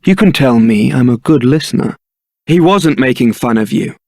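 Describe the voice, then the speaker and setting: A man plays a suave, sardonic young templar knight and roguish ladies' man in a fantasy video game, delivering lines dryly and theatrically in a wry, teasing mood. His medium-pitched voice is expressive and darkish at normal speed, with no room sound.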